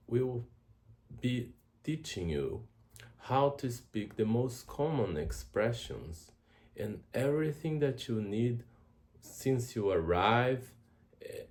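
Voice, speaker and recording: Acting as tutor, a native Portuguese-speaking Brazilian man with a Brazilian Portuguese accent presents a travel language course. His delivery is slow and deliberate, with frequent repeated words, in a mid-range voice of darkish tone.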